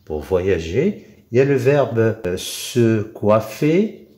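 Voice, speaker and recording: A man with a Moroccan accent gives a classroom grammar lesson in a low, mellow voice. He drills each form slowly, repeating himself and filling pauses. His pitch rises and falls a lot, and the sound carries the echo of a reverberant room. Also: big pitch swings. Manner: drills forms slowly with many repeats and fillers. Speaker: French teacher. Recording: echoey room.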